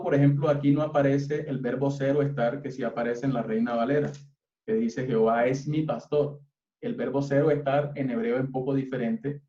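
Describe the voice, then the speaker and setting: A man's voice: medium pitch, mellow. A man with a Colombian accent preaching to a youth service, patiently explaining Hebrew words letter by letter in a teaching sermon. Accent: Colombian Spanish. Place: church hall. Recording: roomy, distant, dull church recording.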